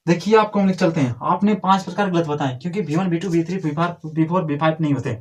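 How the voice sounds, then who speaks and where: A man's voice: fairly high pitch, fast talker. Scolding man teaching a class. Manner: scolding, repetitive drilling, addresses pupils directly. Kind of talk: classroom grammar lesson.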